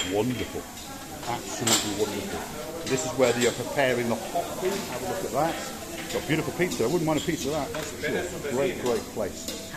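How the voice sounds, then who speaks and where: An older man giving an enthusiastic walk-around commentary of a hotel, repeating his praise as he goes. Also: mid-range voice. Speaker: vlogger touring a hotel. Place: outdoors and indoors in a hotel, walking.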